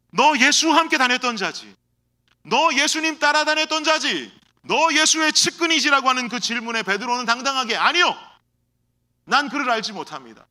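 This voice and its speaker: A man preaching a sermon as pastor, swinging between loud exhortation and hushed, low asides. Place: church sanctuary.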